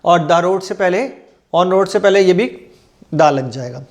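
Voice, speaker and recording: Teaching English grammar for an exam, a man with a high-pitched voice gives his explanations in Hindi. The English examples are read slowly, and any question he asks the class he answers on his own.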